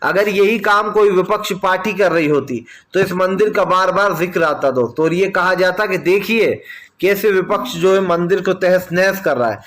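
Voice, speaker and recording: A man's voice: high voice, normal speed, a bit bright. A man delivering opinionated political news commentary, addressing viewers directly as friends in an argumentative, insistent way.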